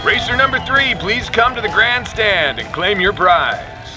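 An actor playing a race announcer calling a motorcycle race in quick commentary, with music behind him. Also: male voice, sits high, very animated, a crowd in the background, rough recording. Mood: excited. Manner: fast race-call commentary. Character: excited race announcer and stern official. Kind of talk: audio drama acting.

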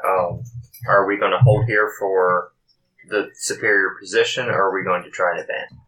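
A man taking part as a player in a tabletop game, talking in a relaxed, deliberate way. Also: deep voice, low-quality recording. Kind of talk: casual tabletop play.

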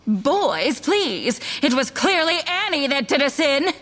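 An actress playing the ghost of a murder-mystery performer who never breaks character, speaking in a theatrical, imperious manner. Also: female voice, high-pitched, very animated, slow pace, a bit bright, big-room sound, full character voice. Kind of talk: audio drama acting.

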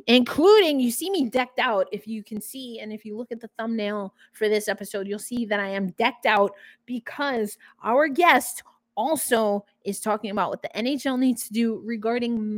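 A woman's voice: a little high, dry recording. A woman with a New York accent hosting a casual hockey podcast, chatty and upbeat. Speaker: podcast host.

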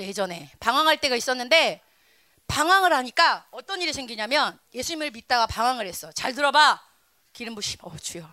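A high-pitched woman in her thirties gives a children's sermon in church, telling stories and swinging suddenly between loud and soft. There is no room sound in the recording.

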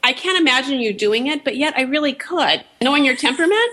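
High bright-voiced woman co-host. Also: fast. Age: middle-aged. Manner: animated, interrupts to tell the story. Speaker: podcast co-host. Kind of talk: casual chat, storytelling.

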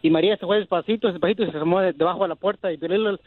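A male caller with a fairly high voice tells a rambling joke over a tinny phone line. He is chatty and loose, and he repeats himself as he builds to the punchline. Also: racing, no room sound. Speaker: caller telling jokes.

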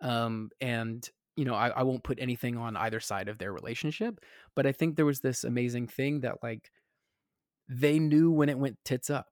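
A man's voice: medium pitch, fairly even intonation, moderate pace, darkish tone, dry recording, clean studio sound. A man raised in the American South, telling stories in a casual chat, full of fillers and restarts. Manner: rambling with many fillers and restarts.

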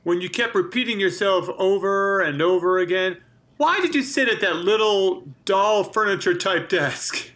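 Man playing male newspaper reporter, high pitch, bright sharp tone, prying, comedy sketch. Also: normal speed. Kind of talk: comedy sketch press conference.

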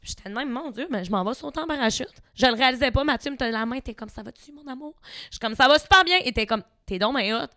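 A young woman in her twenties with a Québécois accent, a podcast guest telling stories excitedly in casual chat and adding her own sound effects. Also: fairly high pitch, very fast, hardly any pauses, no room sound, studio quality.

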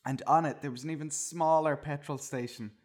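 A man's voice: fairly high pitch, fairly even intonation, a little fast. A man reading a comic story aloud, slipping into silly voices and often laughing. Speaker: reader of a comedy story.

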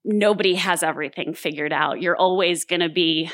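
A woman's voice: fairly low pitch, brisk, fairly bright tone. A woman in her thirties from Southern California, telling a true story on stage in a candid, self-deprecating way with frequent fillers. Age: 30s. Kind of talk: live true-story monologue.

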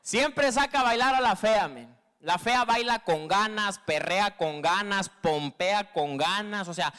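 A man with a northern Mexican accent doing a crude stand-up comedy monologue, heavy on slang, who acts out women's lines in a higher squeal. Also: a bit bright. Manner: crude slangy storytelling, constant filler tag.

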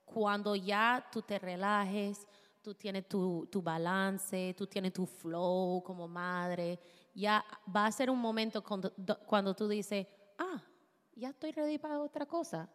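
A woman's voice: medium pitch, slow pace. A woman co-hosting a live podcast, chatting and switching between Spanish and English. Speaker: podcast co-host. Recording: reverberant live venue.

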